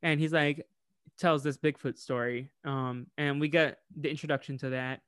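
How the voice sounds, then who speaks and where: A man's voice: fairly high pitch, moderate pace, clean tone, no echo, studio quality. An American man co-hosting a podcast, recapping an episode in casual chat and acting out the characters' lines. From United States. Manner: animated, acts out character lines. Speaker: podcast co-host.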